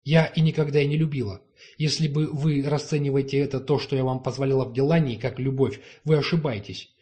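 A man's voice: mid-range voice, steady tone, a little fast, warm tone, natural voice. A man reading the lines of a proud, stubborn young woman in an audiobook, cold and formal. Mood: cold defiant. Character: proud young woman who calls herself not human.

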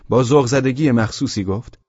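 A man narrating a novel as an audiobook, reading in a steady, measured way, in a dull lo-fi recording. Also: mid-range voice, husky, no echo.

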